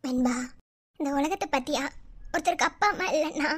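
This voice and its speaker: A woman's voice: sits high, brisk, lightly acted. A woman voicing a hurt, tearful young working woman in a cartoon, with a Madurai Tamil accent. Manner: pleading, tearful. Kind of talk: cartoon voice acting.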